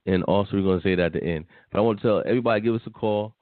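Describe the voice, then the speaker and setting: A man's voice: fairly low pitch, very fast, no room sound. A man co-hosting a podcast, talking bluntly and dismissively in casual chat, often repeating himself. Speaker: podcast co-host. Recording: tinny phone line, dry.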